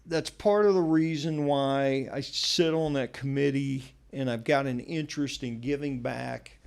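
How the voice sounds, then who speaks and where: A man's voice: mid-range voice, creaky, darkish tone. A middle-aged man hosting a podcast, casually telling his own life story in a conversational way. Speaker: podcast host. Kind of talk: personal storytelling monologue.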